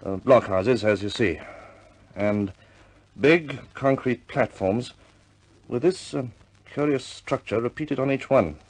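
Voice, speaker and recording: With a mid-range voice carrying a breathy edge, a man acts as a senior British air force officer, grave and businesslike. He briefs deliberately and in a measured way, much like a 1950s war film.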